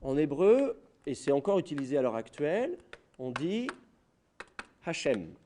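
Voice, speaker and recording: A man's voice: fairly high pitch, sing-song, moderate pace, warm tone, slight background noise. A man with a French accent giving a university lecture, explaining to students directly, with many fillers. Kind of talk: classroom lecture.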